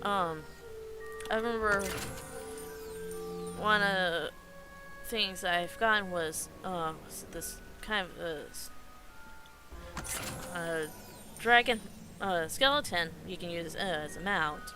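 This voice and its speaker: A woman live streamer giving casual game commentary in a hesitant, halting way, often searching for words. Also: on the low side, music in the background.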